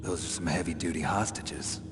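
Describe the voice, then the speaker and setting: An actor playing a terse, skeptical covert soldier in a video game, with a dry, questioning delivery. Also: male voice, low-pitched, steady tone, brisk, long reverb tail, over music, close to an everyday voice. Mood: terse, wary. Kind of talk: scripted video game voice acting.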